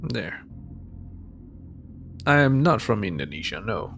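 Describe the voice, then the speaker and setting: A man's voice: lowish voice, very animated, slow pace, vocal fry, fairly bright tone. An Australian man playing a video game, reading its text aloud and tossing in casual, muttered asides, with the game's music behind him. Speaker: gamer playing through a game.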